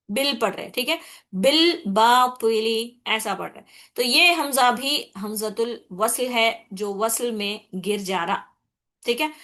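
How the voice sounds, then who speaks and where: A woman with a Hyderabadi Urdu accent teaching a Quran recitation class. She explains tajweed rules patiently, repeats her points, checks in with her students often, and slows down to recite Arabic examples. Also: on the high side, sharp tone. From India.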